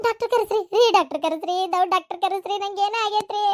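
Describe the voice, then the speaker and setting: A woman with a North Karnataka Kannada accent voicing a dramatic old village mother-in-law who wails and shouts for help in a comedy skit. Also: fast, dry recording, clean studio sound. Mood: panicky. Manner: shrill crying wails and shouted calls for help.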